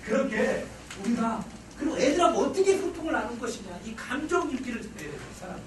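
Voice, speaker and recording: Male lecturer, forties, high animated voice, acts out dialogue, distant mic in an echoey hall. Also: fast, noisy background. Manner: animated, acts out family dialogue, jokes with the audience. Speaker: parenting lecturer. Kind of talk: lively lecture to an audience.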